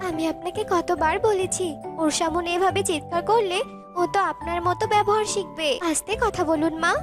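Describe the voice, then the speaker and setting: A woman's voice: very high voice, steady tone, normal speed, music in the background. A woman voicing a meek, sickly young bird mother who pleads with her mother-in-law in a cartoon. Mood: pleading. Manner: pleading, gentle complaints.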